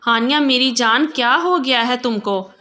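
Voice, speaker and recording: A woman's voice: on the high side, bright, forceful tone. A woman reading the lines of a loving young husband who talks in an affectionate, coaxing way. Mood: tender.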